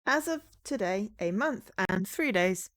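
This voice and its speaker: A calm, polite male android keeps order in a warehouse, as a woman puts him on. His speech is smooth, even and mechanical, like text read out by a voice synthesizer. It is heard in a read-aloud of a story game. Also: mid-range voice, measured pace. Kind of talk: reading a visual novel aloud with voices.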